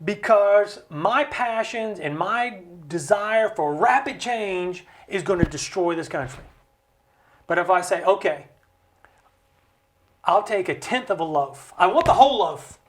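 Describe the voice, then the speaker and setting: An American man speaking as a studio interview guest. He explains with passion and acts out other people's voices with big swings in pitch. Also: expressive, measured pace. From United States. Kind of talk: impassioned conversational explanation. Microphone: studio mic.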